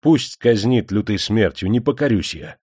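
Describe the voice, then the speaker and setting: A man's voice: low voice, lively intonation, moderate pace, dark tone, dry recording, studio quality. A man playing a cheeky, defiant prisoner. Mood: mocking. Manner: cheeky, mocking. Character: defiant, mocking young chained prisoner.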